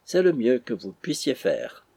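A man's voice: medium pitch, huge pitch swings, unhurried, gravelly, warm tone, breathy edge, dry recording, heavily acted. A man reading an audiobook, voicing a shrewd stableman who gives confiding, fatherly advice. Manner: confiding, advising.

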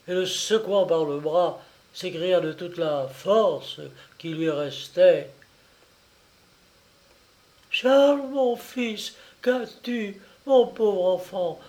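Slow, grave male storyteller. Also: fairly high pitch, a little mellow, rough recording. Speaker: narrator. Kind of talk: dramatic reading of a novel.

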